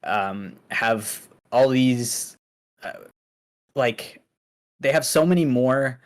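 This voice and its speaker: On a casual podcast interview, a young guest streamer from Pakistan, a native Urdu speaker, talks in a laid-back, rambling style packed with fillers like "like" and "um." His mid-range voice is expressive, and he draws out his words.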